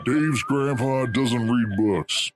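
A man's own recorded voice, played back slowed down and deepened, delivering deadpan joke lines. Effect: slowed down, deepened playback.

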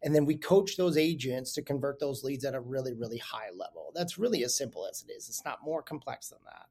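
A man speaking as a guest in a podcast interview, relaxed and conversational with many fillers. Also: medium pitch, brisk, husky. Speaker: guest, company director. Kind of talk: casual interview chat.

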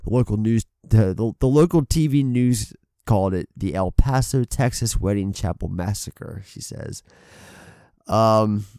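Here the podcast co-host sounds on the low side, unhurried and mellow, with a clear, resonant tone despite his stuffy head cold. He chats loosely about films into a desk mic on an arm, rambling with many fillers and casual swearing. The studio-quality recording is dry.

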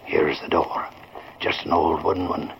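An actor playing a tough, blunt police sergeant in a 1940s radio drama, giving gruff orders in slangy cop talk. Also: male voice, very deep voice, steady tone, unhurried. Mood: commanding, hushed. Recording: noisy, muffled old radio recording.

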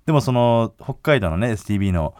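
A man co-hosting a radio show in casual chat, telling stories in an animated way, acting out what others said and laughing often. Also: medium pitch, fast talker, no room sound, studio quality. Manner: animated storytelling, acts out quoted lines, laughs often.

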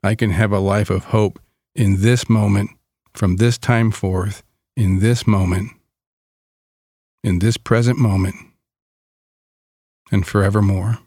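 Very slow, calm man guiding meditation. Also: on the low side, no echo, studio quality. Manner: calm, soothing, gentle delivery with long pauses. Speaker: guided meditation leader.

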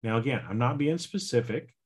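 A man hosting a podcast, teaching a gratitude exercise in a casual, drawn-out way, tagging lines with "right?" and "okay?". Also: medium pitch, lively intonation, slightly rough. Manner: slow, drawn-out, frequent "right?" and "okay?" tags. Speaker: podcast host and healing coach.

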